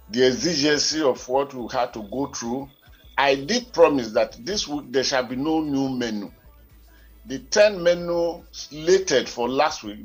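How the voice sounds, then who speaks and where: A man's voice: mid-range voice, slightly rough. A Nigerian man co-hosting a radio current affairs show, heard over a telephone line, talking in a formal, wordy and digressive way. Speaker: radio talk show co-host.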